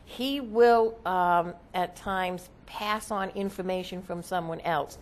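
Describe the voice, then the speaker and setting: This fairly low-pitched woman plays a seance medium being interviewed. She casually explains how her trance channeling works, haltingly, frequently adding "okay?".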